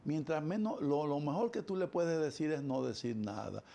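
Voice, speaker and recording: A man with a gravelly, slightly high voice, speaking as a psychologist guest in a conversational interview. He talks animatedly and slips into the voices of the people he quotes. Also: moderate pace, mellow.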